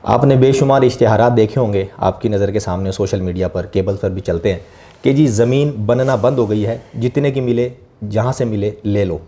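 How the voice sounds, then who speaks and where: A man's voice: lowish voice, normal speed, mellow. A man, presenting an earnest, emphatic investigative report and questioning a guest as host.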